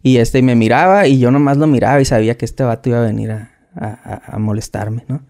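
A man with a Mexican accent speaks as a guest on an interview podcast, recounting his experiences in loose, slang-heavy storytelling. His voice is mellow and middle-pitched, and he often repeats and restarts words as he goes. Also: a little fast. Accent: Mexican Spanish.

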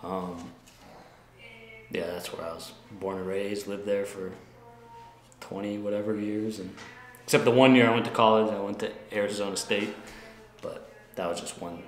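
A man's voice: fairly low pitch, steady tone, normal speed, long pauses, echoey room. A man in his twenties from Montana, answering interview questions casually with many fillers and restarts. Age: 20s. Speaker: guest. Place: lounge room indoors.

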